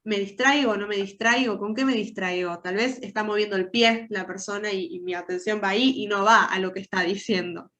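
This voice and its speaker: A woman's voice: medium pitch, steady tone, a little fast, few pauses, fairly bright tone. A woman with an Argentine accent, nasal and congested from a cold, teaching an online workshop and asking her audience many questions. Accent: Argentine Rioplatense Spanish. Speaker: soft-skills trainer.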